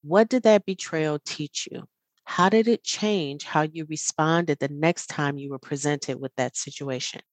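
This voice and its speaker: Podcast host, woman, low register, dry close mic; earnest, encouraging self-help monologue. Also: unhurried, dry recording. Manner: earnest, encouraging, addresses the listener directly; smiling as she speaks.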